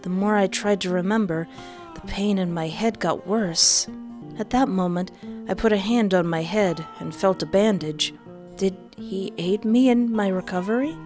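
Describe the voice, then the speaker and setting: A young woman streaming a game reads a visual novel aloud, breaking in with playful, joking asides. Her mid-range voice is a little mellow and moves at a moderate pace, with soft music in the background.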